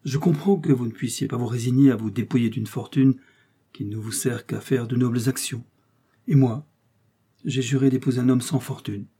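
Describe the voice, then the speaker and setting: A man's voice: mid-range voice, steady tone, moderate pace, mellow, breathy edge. A man voicing an idealistic young princess in an audiobook, earnest and insistent. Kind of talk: audiobook character reading.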